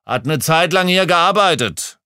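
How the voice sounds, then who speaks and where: A hulking mail porter grunts out short, gruff answers, as a man reading the story puts him on. The voice is raised well above the reader's own low pitch. It sounds dry and close. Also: lively intonation, measured pace, bright, forceful tone, no room sound, exaggerated voice. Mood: gruff terse. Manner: grumbling, gruff and terse. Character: huge muscular male mail porter, gruff.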